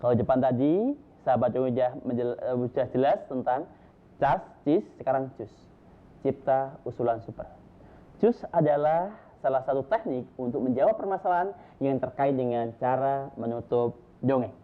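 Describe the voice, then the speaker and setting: A man gives a storytelling lesson, stressing each point with lively, climbing emphasis. His voice sits at a middle pitch. The recording is thin and tinny, like a phone line. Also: normal speed. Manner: lively, emphatic, lists points with rising energy. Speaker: storytelling teacher. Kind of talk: instructional talk to storytellers.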